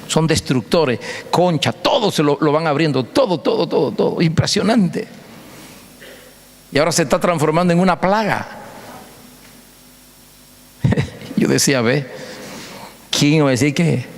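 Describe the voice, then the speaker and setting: A male pastor preaches with an emphatic, storytelling delivery, hammering home his points through repetition. His voice sits fairly high for a man. The sound rings out with a long reverb, as in a church hall. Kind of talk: sermon.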